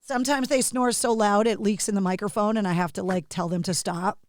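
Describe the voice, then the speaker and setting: A woman hosting a podcast from her home studio, telling stories in an animated, giggly way on a remote call. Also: medium pitch, fairly quick. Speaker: podcast and radio host. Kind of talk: casual interview chat.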